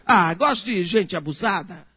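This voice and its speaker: A woman's voice: on the low side, animated, normal speed, bright, forceful tone, slightly rough, no room sound. A Brazilian woman telling a personal story in an emphatic way, acting out the dialogue. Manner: emphatic, acts out quoted dialogue. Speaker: storyteller giving a testimony.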